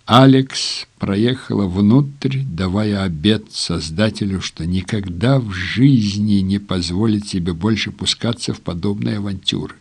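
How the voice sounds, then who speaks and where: A man narrating a crime novel audiobook in a steady, expressive reading style. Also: on the low side, a little slow, creaky, few pauses, husky.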